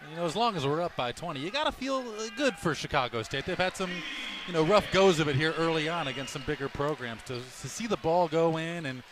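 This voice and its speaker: A man giving color commentary on a college basketball game, conversational, then loud and worked up over a bad call. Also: fairly high pitch, animated, fast talker, noisy background. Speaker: color analyst. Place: arena broadcast booth.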